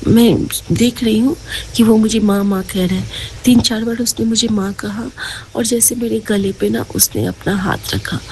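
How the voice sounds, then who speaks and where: A woman giving a gentle, earnest devotional talk, often speaking straight to her listeners as she tells of a dream. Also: fairly high pitch, slight background noise, poor audio. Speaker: satsang speaker.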